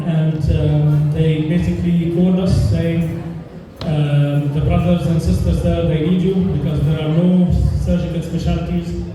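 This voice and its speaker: Earnest Palestinian doctor speaking in echoey hall. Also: male voice, on the high side, dark tone. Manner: earnest, measured delivery with frequent pauses and fillers. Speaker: charity dinner speaker, doctor. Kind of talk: speech at a fundraising dinner. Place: large indoor hall. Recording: echoey hall, distant mic, noisy.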